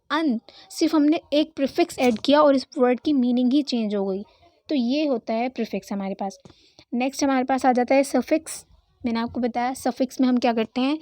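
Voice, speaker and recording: A young woman teaching an online English grammar lesson, explaining slowly and mixing in English terms. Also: a little high, darkish tone, no room sound, clean studio sound.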